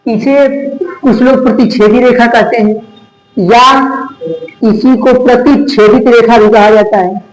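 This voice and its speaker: Male tutor, high-pitched, call-and-response lecturing, roomy echo. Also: fairly even intonation, a little mellow. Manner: asks questions and answers them himself, repeating key terms slowly. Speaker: maths teacher. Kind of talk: classroom lecture. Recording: echoey room.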